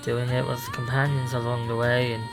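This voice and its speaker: A man playing the Doctor, an ancient, restless and lonely alien time traveller, talking in halting, rambling bursts full of restarts over background music. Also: medium pitch, completely flat delivery, close to an everyday voice, low-quality recording. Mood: somber. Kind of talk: improvised fan audio drama.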